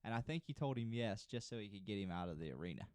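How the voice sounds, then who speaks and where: A man's voice: on the low side, animated, very fast, darkish tone, clear, resonant tone, dry recording. A man co-hosting a casual podcast, telling rambling, laid-back anecdotes. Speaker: podcast co-host.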